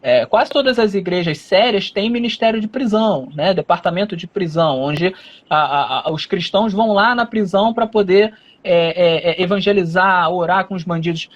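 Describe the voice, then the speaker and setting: A man from Rio de Janeiro state with a Rio Brazilian accent, answering as an interview guest in a measured, explanatory way with frequent fillers. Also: high-pitched, lively intonation, lo-fi sound. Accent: Rio de Janeiro Brazilian Portuguese.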